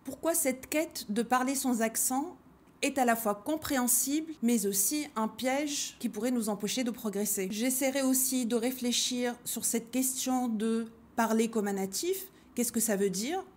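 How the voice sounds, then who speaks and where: Thoughtful woman with a higher voice. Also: a little mellow. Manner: poses rhetorical questions, measured and thoughtful. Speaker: language-learning video host. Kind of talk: reflective scripted talk to camera.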